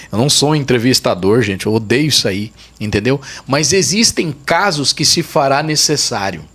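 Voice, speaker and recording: A man's voice: mid-range voice, a bit bright, slightly rough. Emphatic pastor man telling a testimony. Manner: emphatic, repeats phrases for weight, vivid retelling. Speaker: pastor and guest. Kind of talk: testimony storytelling in a podcast interview.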